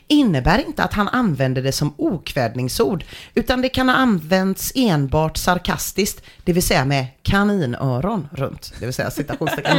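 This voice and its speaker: Brief: podcast host, animated delivery, sarcastic and laughing often, casual comedic reading of forum posts. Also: medium pitch. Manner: dry, sarcastic commentary with frequent laughter.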